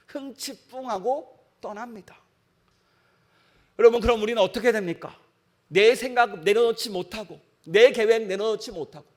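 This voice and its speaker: A male pastor delivers a sermon in a church. His voice sits very high for a man, and he preaches emphatically, often putting questions to the listeners. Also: darkish tone. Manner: emphatic, with many rhetorical questions to the congregation.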